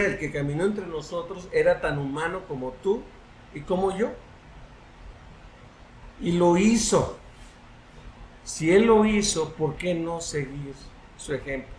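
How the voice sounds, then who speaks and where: Pastor guy preaching, earnest, kinda high voice, echoey church. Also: slight background noise. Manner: earnest preaching, quoting imagined listeners. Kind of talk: sermon closing in prayer. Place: church hall.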